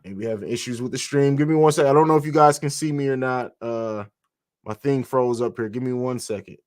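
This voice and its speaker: A podcast host who grew up in Italy and Germany runs a casual live stream from his own home setup, reading viewer questions aloud and answering them loosely and conversationally. His middle-pitched voice moves a little fast, and the sound is dry and close with no room echo.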